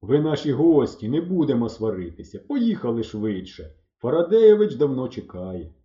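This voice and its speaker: A man voicing a loud, scornful village youth. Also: mid-range voice, sing-song, normal speed, close to an everyday voice. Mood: placating. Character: brash loud teenage village youth, mocking bully. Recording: roomy, slightly dull recording.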